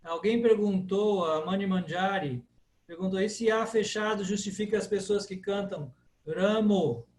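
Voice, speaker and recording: Slow-talking, high-voiced male teacher. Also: a little mellow, roomy sound. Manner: patient, explains by repeating words slowly. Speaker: Sanskrit teacher. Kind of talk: online class lecture.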